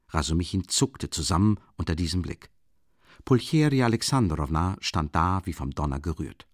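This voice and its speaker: Man narrating an audiobook, lively. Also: low-pitched, no room sound, studio quality. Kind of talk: scripted literary narration.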